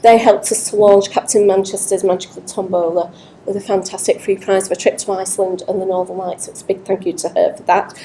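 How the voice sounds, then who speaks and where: A woman's voice: medium pitch, flat delivery, brisk, mellow, a little hiss or hum, low-quality recording. A woman hosting a networking event, introducing the guest speaker in an upbeat, grateful way. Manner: upbeat, grateful, lots of big thank-yous. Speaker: event host and interviewer.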